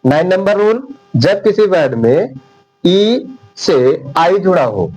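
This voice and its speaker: A man teaching an English lesson in Hindi, slowly repeating each rule and spelling words letter by letter. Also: high voice, very animated, a little mellow, rough recording. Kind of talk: slow spoken Hindi lesson.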